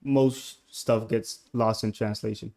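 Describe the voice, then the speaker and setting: This musician guest is a young Puerto Rican man, a native Spanish speaker with a Puerto Rican accent, interviewed casually by call. His voice is lowish and slow with vocal fry and fairly even intonation; he speaks softly, hesitates, and often trails off mid-thought.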